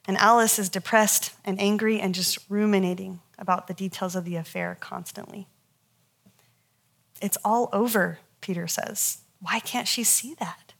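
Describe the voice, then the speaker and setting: A woman runs a counseling workshop, teaching in an easy, conversational voice of middle pitch that's a bit bright. She animatedly tells stories from her own sessions, laughs often, and addresses her listeners directly.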